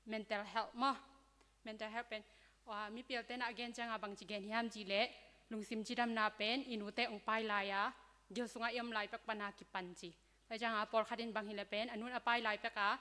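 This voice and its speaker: Woman talking health to church youth, bright tense voice, loose chatty lecturing, echo of a big hall. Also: fairly high pitch. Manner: conversational, loose lecturing with many fillers. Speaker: speaker at a church youth seminar. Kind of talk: informal health talk to young people. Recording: hall reverb.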